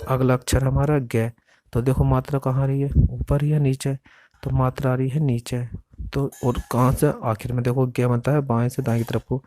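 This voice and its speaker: Flat-voiced man teaching shorthand. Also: medium pitch, no echo. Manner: patient, explains each stroke slowly and repeats readings. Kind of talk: step-by-step classroom instruction.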